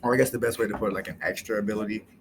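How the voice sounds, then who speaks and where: A man's voice: fairly low pitch, fairly even intonation, rapid-fire, noisy background. A man reviewing and reacting to a comic episode in loose, slangy commentary with rambling asides.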